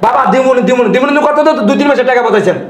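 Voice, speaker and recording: A shrill, fast-talking shopkeeper, played by a man, scolding and badgering. His words pour out quickly. The room rings with echo. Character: pushy shopkeeper man demanding unpaid credit. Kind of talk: amateur short-film acting. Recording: echoey room.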